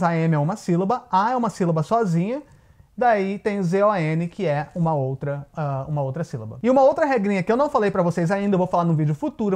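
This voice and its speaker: A man's voice: high-pitched, darkish tone. A man, a native Portuguese speaker, teaches English vowel rules in a casual video lesson, explaining step by step and answering his own questions.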